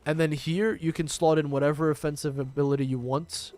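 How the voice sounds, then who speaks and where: A man's voice: fairly high pitch, fairly even intonation, brisk, a little mellow. A man livestreaming a game, chatting casually in an informal, sweary, bantering way. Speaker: livestream host, gamer. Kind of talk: casual livestream chat while gaming.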